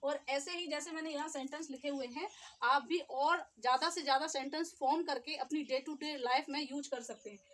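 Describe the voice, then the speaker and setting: A woman teacher, explaining short sentences step by step and repeating each phrase slowly. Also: high voice, fairly bright tone. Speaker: English teacher. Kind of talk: spoken English lesson.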